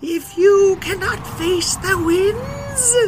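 The mountain wind in a storybook: a stern spirit that roars its words slowly in a high, strained bellow, as if shouting from far off. It speaks with huge force and drawn-out syllables. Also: expressive, over music, exaggerated voice. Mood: booming stern. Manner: roaring, slow and bellowing.

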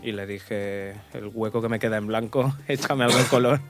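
A man in his twenties from Portugal, a podcast guest chatting casually and relaxed, laughing often and trailing off softly. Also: lowish voice, normal speed, music in the background. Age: 20s. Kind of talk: casual chat.

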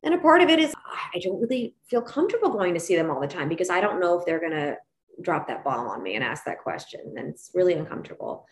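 A woman's voice: fairly low pitch, big pitch swings, fast talker. A woman in her forties, a guest on an interview, speaking candidly and reflectively with frequent restarts and you-knows. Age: 40s. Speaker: guest, pediatric dentist.

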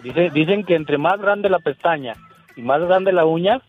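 A man's voice: fairly high pitch, normal speed, narrow, tinny audio, heavy background noise. A man calling in to a radio show, gossiping casually about his relatives between laughs. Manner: shy at first, then gossipy and laughing. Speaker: caller. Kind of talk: casual call-in chat.

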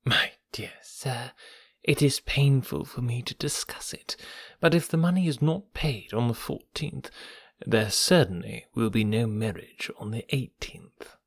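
A man voicing a smug, oily gentleman blackmailer in a soft, breathy, half-whispered purr, silky and mocking. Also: mid-range voice, measured pace, no echo, voice pushed up. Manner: silky and mocking, lingering on words. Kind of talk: audiobook character reading.

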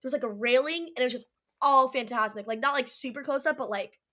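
A woman's voice: high voice, fast, bright, forceful tone. A young adult woman chatting casually as a podcast guest, bubbly and full of fillers like "like". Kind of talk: casual chat.

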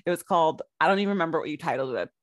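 Speaking very fast in a low voice, this podcast co-host chats casually and tells animated stories, swearing now and then. The recording is dry and of studio quality.

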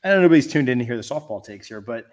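A man's voice: medium pitch, animated, very fast, a little mellow. A middle-aged man co-hosting a podcast, chatting casually in a laid-back, rambling, hesitant way. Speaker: podcast co-host. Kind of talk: casual chat.

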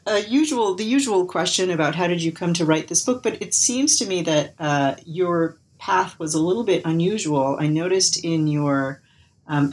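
A deep-voiced woman hosts a book interview podcast, first reading a scripted introduction and then asking measured questions with some hesitation. Slight background noise can be heard.

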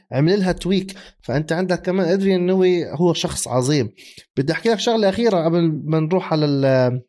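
Fast-talking man in his thirties. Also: a little high. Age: 30s. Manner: animated, laughs often, mixes in English phrases. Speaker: podcast co-host. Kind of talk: casual sports chat.

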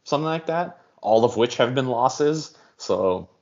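A man co-hosting a casual football podcast, explaining at length in a measured way with frequent ums. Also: mid-range voice, lively intonation, darkish tone. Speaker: podcast co-host. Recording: dull lo-fi audio.

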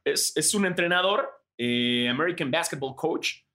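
A man with a Mexican accent, co-hosting a casual sports podcast, relaxed and joking, thinking aloud. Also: fairly high pitch, unhurried. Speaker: podcast co-host.

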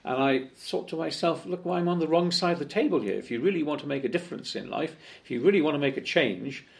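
A little high, fast and gravelly, the voice belongs to an older Welshman appearing as a guest in a conversational interview. Set in a Parliament office, his speech is chatty and riddled with fillers and restarts.

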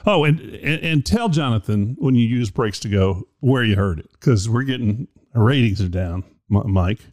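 A man's voice: mid-range voice, animated, moderate pace, darkish tone, no echo, studio quality. A man hosting a podcast in casual chat, talking in a rambling, chatty, self-deprecating way. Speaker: podcast host. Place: indoor room.

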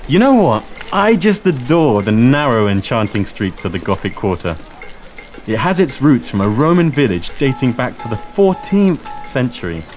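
A man hosting a scripted language lesson, speaking slowly and clearly and repeating phrases. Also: fairly low pitch. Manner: slow, clear teaching delivery with repeated phrases. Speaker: language teacher and host. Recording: faint guitar music underneath.

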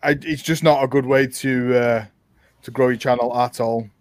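A man's voice: mid-range voice, steady tone, moderate pace, darkish tone, no room sound. A young British man, a guest streamer, chatting casually and laughing often.

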